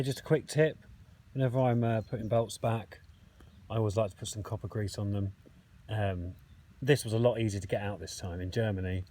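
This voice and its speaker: A man's voice: lowish voice, slight background noise, low-quality recording. A man giving casual, self-deprecating how-to commentary as he works on a repair, thinking aloud with frequent ums. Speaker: DIY mechanic vlogger.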